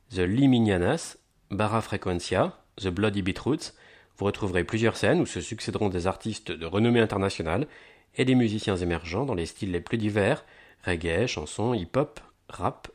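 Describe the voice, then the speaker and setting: Male promo narrator, lowish pitch, upbeat and emphatic on headlines, scripted delivery. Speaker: announcer of a local events agenda.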